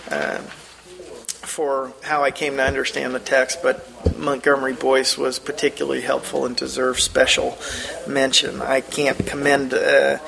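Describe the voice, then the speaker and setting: Creaky-voiced man teaching Bible class. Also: mid-range voice, rough recording. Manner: explanatory, questions the class directly; frequent restarts mid-phrase. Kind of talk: Bible study lesson.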